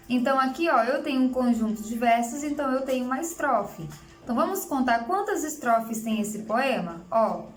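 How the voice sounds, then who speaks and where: A young woman teacher giving an online writing lesson, explaining patiently step by step and often checking in with her students. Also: high-pitched. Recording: echoey room with faint music.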